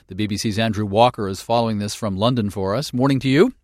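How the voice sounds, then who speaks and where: A man's voice: on the low side, fast, darkish tone, dry recording. A man hosting a radio news programme, presenting scripted stories in a studio.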